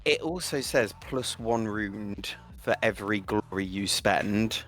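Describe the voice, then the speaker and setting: A man playing a tabletop game, describing his character's actions with lively storytelling. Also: on the low side, slow pace, faint music behind. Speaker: player.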